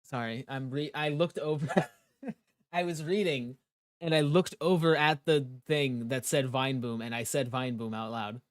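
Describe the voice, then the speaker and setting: A man's voice: mid-range voice, dry recording, studio quality. A man reading a game story aloud with casual commentary, often stumbling and interrupting himself. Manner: halting, stumbling, self-interrupting. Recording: faint music behind the voice. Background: faint music.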